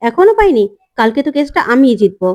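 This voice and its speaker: A man's voice: extremely high pitch, very animated, fast. A woman voicing a smug, scheming father who mocks his estranged wife, in a taunting, sarcastic manner, as she narrates a serial's episode.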